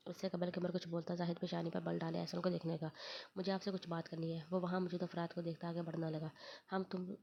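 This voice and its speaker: A woman's voice: on the low side, gravelly. A woman reading a romance novel aloud, narrating and speaking every character in her own voice. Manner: quick, even reading, voicing all characters in her own voice. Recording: dull lo-fi recording with faint noise.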